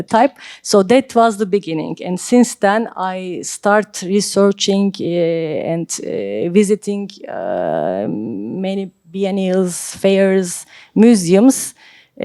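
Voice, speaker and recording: A woman tells her story as a panel guest. She pauses often and fills the gaps with little sounds. Her voice is warm and mellow, recorded close and dry. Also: on the low side, no room sound. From Turkey. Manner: hesitant, many filler sounds. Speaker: art collector, panel guest. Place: library event hall.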